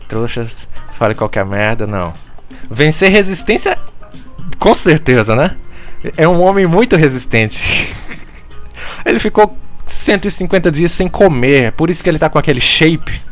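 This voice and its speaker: A man playing a mock teacher in a parody online lecture, deadpan and mock-serious, swearing casually while talking over slides. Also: on the high side, normal speed, long pauses, faint music behind.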